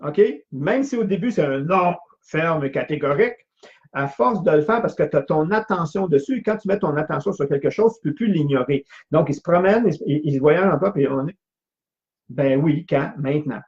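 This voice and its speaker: A man's voice: on the high side, animated, a little fast, darkish tone. A man with a Quebec French accent teaches a workshop audience in a slightly raised voice. He keeps asking "ok?" and circles back over the same phrases. The recording sounds dull and lo-fi. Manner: keeps checking in with "ok?", repeats his phrases. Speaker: personal growth workshop leader.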